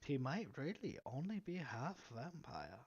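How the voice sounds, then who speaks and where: A man rambles through casual tabletop role-play, his pitch moving a lot as he talks, and he often drops into quiet asides. The recording is slightly muffled, with a faint hiss. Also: very animated, unhurried. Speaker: player.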